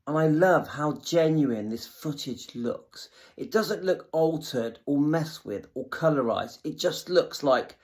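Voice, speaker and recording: A man's voice: on the high side, lively intonation, takes it slowly, few pauses. A man hosting and giving casual, reflective commentary on archive footage.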